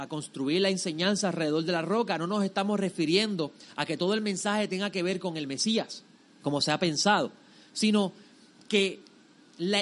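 A man giving a sermon-like religious lesson to a group, emphatic and didactic, often repeating phrases and asking rhetorical questions. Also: high-pitched. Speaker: religious teacher.

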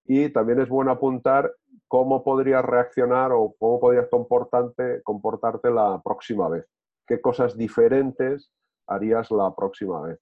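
A man's voice: mid-range voice, steady tone, normal speed. A man speaking reflectively in a casual group discussion, with many hesitations and restarts. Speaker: discussion participant. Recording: tinny phone-like line.

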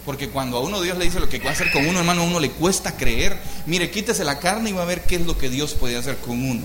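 A man preaching a sermon, telling the story in a lively way and often addressing his listeners as brothers. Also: on the high side, quick pace, echoey room, a little hiss or hum. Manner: lively storytelling, keeps calling the congregation "hermano". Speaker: pastor.

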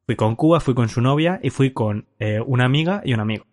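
Talking fast in a mid-range, darkish voice, a man on his casual podcast tells a story about a drunken trip, laughing often and swearing throughout.

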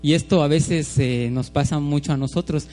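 A man's voice: fairly high pitch, fairly even intonation, normal speed, dark tone. A man preaching informally, telling a story with many restarts and fillers. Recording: long hall reverb, faint music.

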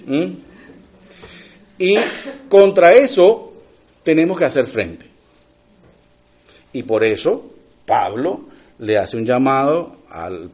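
Here a middle-aged man with a slightly high voice preaches informally. Short asides to his listeners come up often, and he alternates between emphatic, loud statements and hushed ones.

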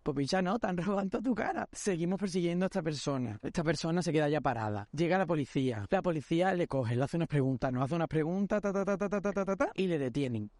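A young man from Algeciras with an Andalusian accent, excitably telling a comic story while walking down a city street, swearing freely. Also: a little high, quick pace, hardly any pauses, dry recording, studio quality. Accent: Andalusian Spanish. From Algeciras, Spain. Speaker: podcast host.

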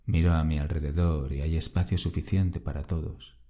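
A man, calmly narrating a first-person story as a podcast host. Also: very deep voice, normal speed.

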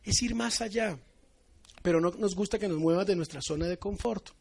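Lively Colombian man teaching a sermon. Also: high voice, moderate pace, vocal fry, breathy edge. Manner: animated, acts out everyday dialogues in the talk. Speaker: congregation teacher.

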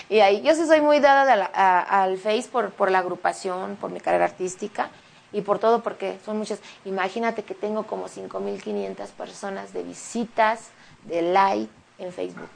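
This is a casual interview with a singer-actress who has a Mexican Spanish accent, speaking in a creaky, mid-range voice. She's emotional and talkative, retelling events at a quick, animated clip.

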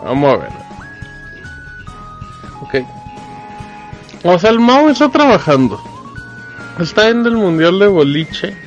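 A man's voice: sits high, sing-song, takes it slowly, long pauses, highs cut off, faint music behind. A man with a Mexican accent co-hosting a live podcast, teasing his co-host in casual banter. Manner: teasing, playful.

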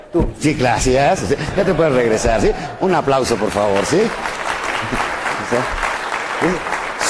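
A man's voice: mid-range voice, background noise. A man with a Mexican accent giving a live business lecture with jokes, quizzing the audience with frequent tag questions. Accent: Mexican Spanish. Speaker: seminar speaker.

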